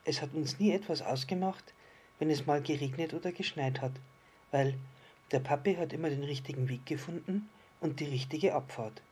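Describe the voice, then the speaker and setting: Patient friendly island fish, a man doing it, breathy voice, explains things gently. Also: on the high side, moderate pace. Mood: explaining. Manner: calm, explaining, gently teasing. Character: island fish, patient kindly male storyteller. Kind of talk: children's storybook reading.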